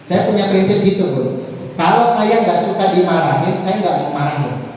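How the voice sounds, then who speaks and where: A man's voice: high-pitched, moderate pace. A male religious teacher giving a playful parenting talk, quizzing the audience and acting out parent-child dialogue. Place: large echoey school hall. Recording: echoey hall from far off, faint background noise.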